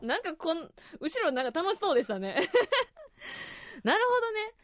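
A woman's voice: very high-pitched, sing-song, moderate pace, a bit bright, dry recording. A young woman with a Kansai accent hosting a radio show, chatty and laughing often. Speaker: radio host.

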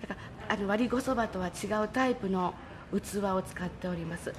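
A woman's voice: mid-range voice, a little fast. Courteous customer service woman over background noise. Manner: courteous customer service voice with formal polite phrasing. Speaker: soba restaurant staff member being interviewed. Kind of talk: polite interview explanation. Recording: clear background noise, on-location ambience.

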